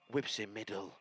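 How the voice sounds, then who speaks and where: A man from Bradford with a Bradford accent, co-hosting casual, jokey football banter in excitable, blunt northern slang. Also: lowish voice, slightly rough. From Bradford, England. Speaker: co-host of a football fan podcast. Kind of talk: casual banter and live match reaction.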